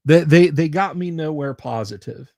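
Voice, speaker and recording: A livestream host reads viewer comments in a casual, rambling way, repeating himself and tossing out sarcastic asides. His voice sits on the high side, a little mellow, at a moderate pace, and the recording is dry with clean studio sound.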